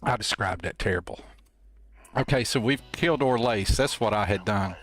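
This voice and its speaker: A man hosts a gameplay livestream, his commentary casual, folksy, playful and rambling. His voice is fairly low with a fairly bright tone and moderate pace, and faint music plays in the background.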